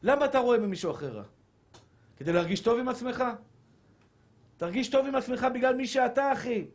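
A man preaching a Torah sermon as a rabbi, fervent and shouting, repeating phrases for emphasis and calling listeners his brothers. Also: very high-pitched, lively intonation. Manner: addresses listeners as brothers and dear souls.

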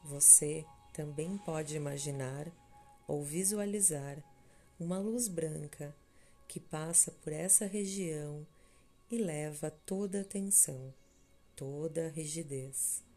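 Speaking in a low, warm tone with a Brazilian accent, a woman leads a scripted guided meditation over background music. Her delivery is soothing and measured, and long pauses fall between her short phrases.

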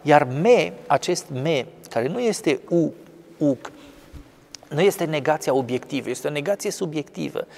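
A man explaining a scripture passage in conversation, scholarly and digressive, often pausing with fillers. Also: on the high side, expressive, vocal fry, darkish tone, big-room sound. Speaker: theologian commenting on scripture.

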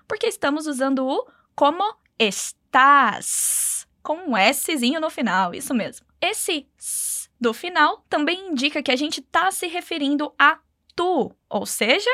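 Woman language teacher, bright high voice, dry studio sound, patient and encouraging. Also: animated, normal speed, no echo. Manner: patient, encouraging, models phrases for repetition. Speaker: Spanish teacher. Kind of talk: language lesson narration.

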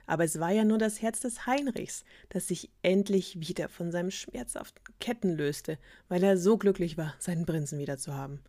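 A woman's voice: lowish voice, moderate pace, hardly any pauses, warm tone. A woman retelling a fairy tale on a podcast in a casual, ironic, chatty way with fillers. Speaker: podcast storyteller.

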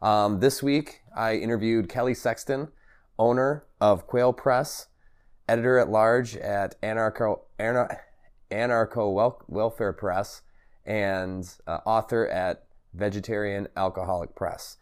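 A man with a low-pitched voice talks alone as the host of a podcast filmed for video. His delivery is halting and rambling, as he circles back, repeats phrases and corrects himself. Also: fairly even intonation, clean tone. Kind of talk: solo vlog talk to camera, also a podcast. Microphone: recorded on camera for video and podcast.

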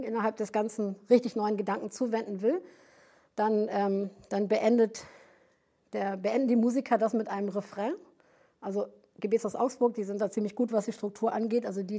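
Mellow-voiced woman teaching a class. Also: mid-range voice. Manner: explanatory, searching for words with frequent fillers and restarts. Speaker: teacher at a prayer house. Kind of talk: teaching session.

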